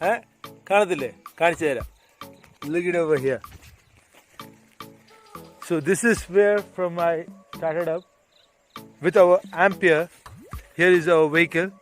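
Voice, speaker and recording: A man's voice: high-pitched, very slow, pauses often, faint music behind. A man with a Malayali accent giving a casual vlog demonstration, addressing viewers in mixed Malayalam and English. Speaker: vlog presenter.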